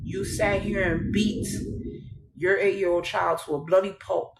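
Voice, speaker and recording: Heavy background noise and a roomy sound surround this woman's creaky voice, which is on the low side, fairly even in intonation and unhurried. A Trinidadian with an American accent, she gives a blunt, candid, raw personal testimony to camera, complete with swearing and wry laughter.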